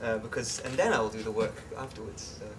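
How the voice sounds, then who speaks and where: A young man chats easily as an interview guest, with plenty of fillers and restarts. He sits some way from the mic. Steady background noise runs under his voice. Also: lowish voice, fast talker, far from the mic. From England, raised in the Netherlands. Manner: relaxed, chatty, many fillers and restarts. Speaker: interview guest, English teacher. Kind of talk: casual interview chat.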